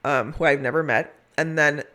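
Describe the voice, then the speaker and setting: A woman telling a personal story in conversation as a hospice nurse, in a heartfelt, emphatic way with drawn-out words. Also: deep voice, steady tone, fairly bright tone. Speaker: hospice nurse, podcast guest.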